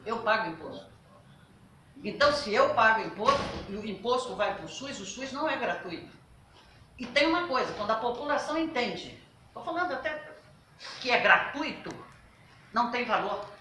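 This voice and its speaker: A woman on a national health council gives an emphatic talk to a workshop, asking rhetorical questions and speaking loudly. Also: on the high side, animated, moderate pace, a little hiss or hum. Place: workshop meeting room. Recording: roomy, from a distance.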